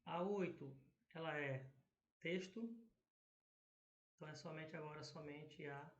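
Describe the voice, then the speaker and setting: A man's voice: fairly high pitch, steady tone, measured pace, echoey room, highs cut off. A Brazilian Portuguese-speaking male teacher going through exam questions, often checking in with "tá?" and "né?". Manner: filler-heavy, frequent "tá?" and "né?" checks.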